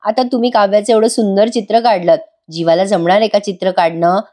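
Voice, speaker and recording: A woman's voice: medium pitch, fairly even intonation, fairly quick, dark tone, lightly acted. A woman reading the lines of a fussy, overprotective young wife who frets and chatters. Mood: fretful. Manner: fretful, fussing.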